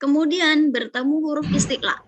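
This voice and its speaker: A woman's voice: sits high, muffled recording. A woman teaching Quran recitation rules, patiently explaining and repeating each example word several times. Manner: slow, patient, repeats and drills pronunciations. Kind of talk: online lesson.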